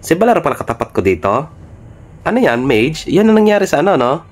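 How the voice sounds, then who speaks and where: A man giving live commentary on his own gameplay, excitable and trash-talking, swearing often. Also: fairly high pitch, fast. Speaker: gaming streamer.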